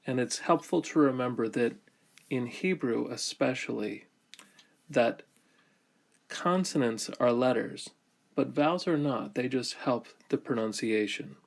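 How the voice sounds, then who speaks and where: A man teaching a grammar lesson, explaining step by step in slow, deliberate phrases with many pauses. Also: mid-range voice, vocal fry.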